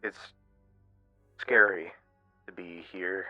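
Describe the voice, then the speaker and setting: A man giving a candid, casual personal monologue as a streamer, in a halting, self-reflective way. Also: low-pitched, fairly even intonation, pushed and bright. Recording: muffled, roomy lo-fi radio-like sound, music behind. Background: music.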